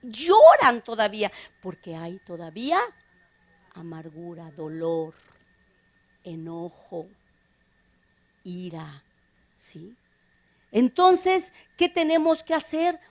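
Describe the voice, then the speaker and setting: A woman pastor with a Mexican Spanish accent preaching a sermon to women, emphatic and full of rhetorical questions, dropping now and then to soft near-whispers. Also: mid-range voice, big pitch swings, slow, pauses often. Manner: emphatic, swinging between loud urging and soft near-whispers; asks frequent rhetorical questions.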